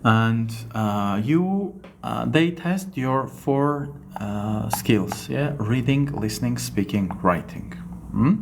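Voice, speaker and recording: During a screen-share lesson, an Armenian man teaching English goes through a test, speaking with his native accent. His pace is slow and hesitant, punctuated by frequent "yes?" check-ins, and his mid-range voice is expressive and creaky. The background is noisy.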